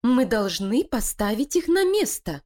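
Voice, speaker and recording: A woman's voice: fairly high pitch, big pitch swings, unhurried, a little mellow, pitched above the performer's own voice. A woman voicing Lilia, a sly, scheming female animal who talks in a cold, threatening, commanding way.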